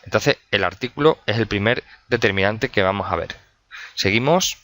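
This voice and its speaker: Low bright-voiced man teaching a lesson. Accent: Spanish. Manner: explains slowly with many fillers and examples. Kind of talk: recorded video lesson.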